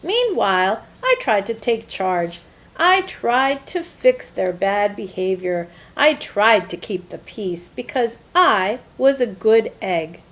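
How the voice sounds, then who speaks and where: A woman voicing an earnest, eager-to-please good egg in an expressive, emphatic children's storybook telling. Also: mid-range voice, takes it slowly, rough recording. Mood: earnest, weary. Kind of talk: first-person children's storybook narration.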